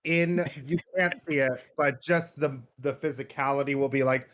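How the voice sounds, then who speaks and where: A man's voice: medium pitch, fairly even intonation, normal speed, fairly bright tone, no echo. A man playing a tabletop game, talking hesitantly about his character. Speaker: player. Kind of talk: casual chat during a tabletop game.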